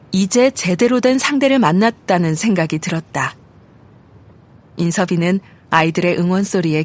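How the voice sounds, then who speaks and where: A woman reading an audiobook story aloud in a steady, measured narration. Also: on the low side. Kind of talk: scripted narration.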